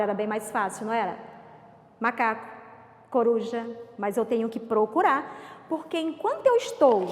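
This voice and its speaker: Brazilian lady teaching little kids from home, high voice, echoey room w long reverb. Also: slight background noise. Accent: Brazilian Portuguese. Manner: animated, playful, counts aloud and asks questions; reads words slowly and syllable by syllable. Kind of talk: remote class lesson for young children.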